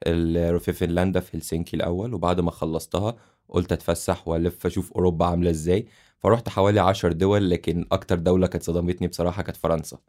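A man's voice: deep voice, flat delivery, racing, mellow. A man in his twenties with an Egyptian Arabic accent, casually telling stories as a podcast guest. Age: 20s. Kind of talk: casual conversational storytelling.

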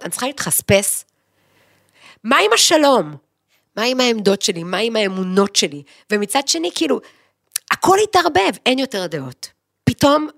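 A woman co-hosting a podcast, talking frankly in casual chat, mocking herself and launching into animated rants. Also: a little high, gravelly, no echo, studio quality. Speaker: podcast co-host. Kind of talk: candid conversational podcast chat.

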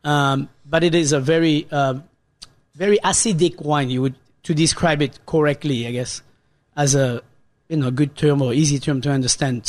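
A man in his fifties with a French accent, a chef co-hosting a casual radio chat, explaining dishes step by step with many restarts. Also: on the high side. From France.

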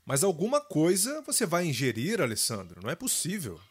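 A man's voice: fairly high pitch, wildly swooping pitch, fairly quick, husky. A man with a Brazilian Portuguese accent hosting a podcast, narrating in an upbeat, announcer-like way. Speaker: podcast host. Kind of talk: scripted narration.

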